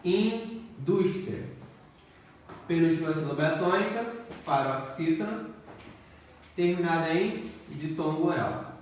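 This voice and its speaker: A man's voice: a little high, normal speed. A male teacher giving an exam-prep grammar lesson, explaining step by step and often checking in with the class. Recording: echoey room, distant mic, faint noise.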